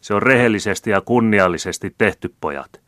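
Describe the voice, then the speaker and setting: A man reading the part of a cunning, fearless count who loudly rouses an angry crowd. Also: lowish voice, dry recording, studio quality, voice pushed up, lightly acted. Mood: rousing. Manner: loud, rousing oratory. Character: cunning, fearless male count rousing a mob.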